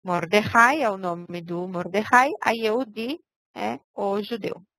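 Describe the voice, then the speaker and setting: A woman's voice: medium pitch, unhurried, fairly bright tone, no echo, low-quality recording. A woman teaching a language lesson, patiently explaining step by step and checking in with her students. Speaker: Hebrew teacher.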